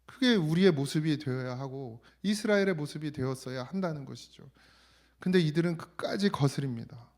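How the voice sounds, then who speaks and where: A middle-aged man delivers a sermon in a church sanctuary. He talks to the congregation in a plain, conversational way and lowers his voice whenever he quotes God. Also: animated, a little fast, a little mellow. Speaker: pastor.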